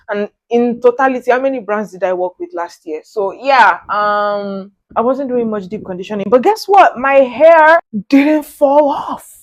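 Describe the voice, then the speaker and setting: A young woman hosting a casual hair-care vlog, talking to camera in a sassy, animated way with big jumps in pitch. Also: no echo, low-quality recording. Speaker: natural hair vlogger.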